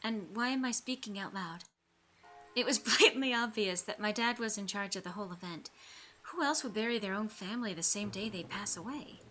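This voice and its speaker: A woman streamer with a bright, forward voice at a middle pitch. She reads and chats expressively, dropping wry asides, over faint music. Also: brisk. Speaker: game streamer. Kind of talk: live stream reading and chat.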